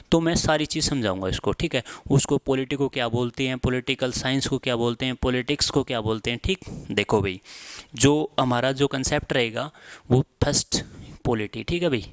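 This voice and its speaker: A young man teaching an exam-prep lesson in a chatty way, often repeating key terms slowly for students to write down and tagging phrases with fillers. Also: medium pitch, smooth, dry recording. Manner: frequent filler tags at phrase ends.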